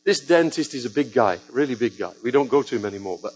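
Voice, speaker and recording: A man's voice: mid-range voice, quick pace, slightly rough, low-quality recording. A man preaching a sermon to a church congregation, telling stories with joking asides. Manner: lively storytelling with joking asides.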